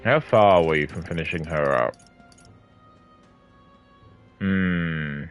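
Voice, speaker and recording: A man's voice: sits low, slow pace, soft background music. A man streaming a video game, chatting casually and thinking aloud as he plays and reads the lines. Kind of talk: casual gaming commentary.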